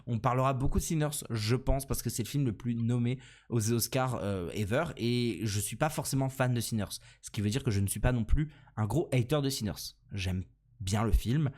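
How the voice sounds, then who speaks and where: A young man with a French accent talks through a casual solo podcast at a middle pitch. He rambles and pokes fun at himself, filling the gaps with hesitations and restarting his sentences. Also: normal speed, darkish tone. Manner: rambling and self-deprecating, many fillers and restarts. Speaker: podcast host.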